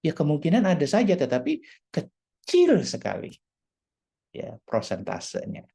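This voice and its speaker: A woman's voice: low-pitched, huge pitch swings, measured pace, vocal fry, mellow, husky. A woman teaching a church leadership class, acting out quoted dialogue with animation and dropping English words into her talk.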